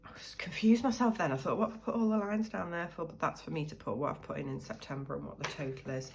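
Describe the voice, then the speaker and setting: This budgeting vlogger from the UK talks fast in a low, creaky voice, a faint hiss or hum behind her. Croaky with a cold, she keeps up a casual, chatty stream of thought while stuffing cash into budget envelopes.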